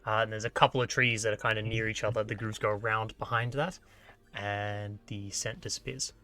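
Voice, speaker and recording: Bright-voiced Australian man running a game. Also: fairly low pitch, flat delivery. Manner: halting, casual. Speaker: game master. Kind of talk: improvised tabletop game narration.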